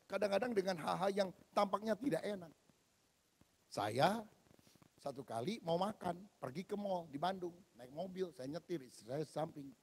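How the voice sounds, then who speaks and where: Pastor guy preaching, high raspy voice, storytelling from loud to hushed, big church hall echo. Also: lively intonation, moderate pace. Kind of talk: sermon. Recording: long hall reverb.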